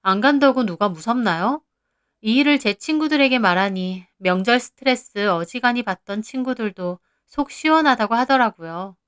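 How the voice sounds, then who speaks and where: Young woman narrating, defiant matter-of-fact tone, kinda high voice. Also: animated, moderate pace, a bit bright, smooth. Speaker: story narrator. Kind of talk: scripted story narration.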